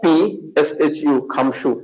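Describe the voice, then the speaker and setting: Slow-spelling Indian male teacher. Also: a little high, fairly even intonation, darkish tone, rough recording. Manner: slow dictation, spelling words letter by letter. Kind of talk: exam coaching class dictation.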